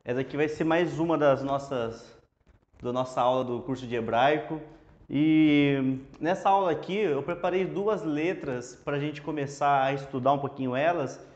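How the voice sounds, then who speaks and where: Brazilian man, casual whiteboard lesson, chatty step-by-step, somewhat high pitch, muffled lo-fi audio. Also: normal speed. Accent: Brazilian Portuguese. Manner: relaxed, chatty, explains step by step. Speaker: Hebrew teacher. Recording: dull lo-fi classroom audio.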